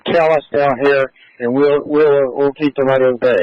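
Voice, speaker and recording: Male radio coordinator, mid pitch, static bursts on a muffled dispatch channel, repeats himself plainly. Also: little pitch movement, normal speed. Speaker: search traffic coordinator on radio. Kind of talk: two-way radio dispatch talk. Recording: dull, dry two-way radio audio.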